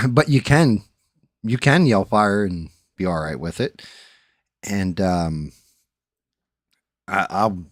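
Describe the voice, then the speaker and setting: A man with a lowish voice hosts a casual livestream, chatting as he 3D prints and paints. He's blunt, swears freely, and often restarts his sentences, speaking slowly with long pauses. The sound is studio quality with no echo.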